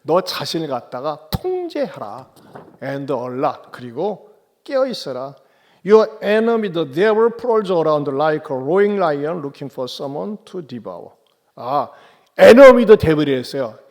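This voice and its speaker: A man's voice: fairly high pitch, sing-song, very slow, darkish tone. Sex: man. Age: middle-aged. Role: pastor. Style: emphatic sermon, rhetorical questions, call-and-response. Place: church, pulpit mic. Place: church sanctuary.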